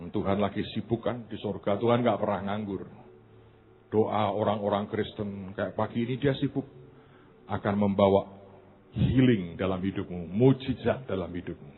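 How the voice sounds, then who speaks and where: A man's voice: on the low side, normal speed. A man preaching a sermon, telling a story playfully with asides to the congregation. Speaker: pastor. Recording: tinny phone-like sound.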